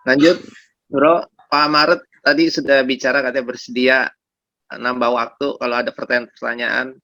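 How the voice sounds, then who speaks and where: A man's voice: mid-range voice, level tone, moderate pace, pushed and bright, dry recording. A man hosting and moderating an online meeting, casual and encouraging as he invites questions. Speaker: host. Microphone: video call.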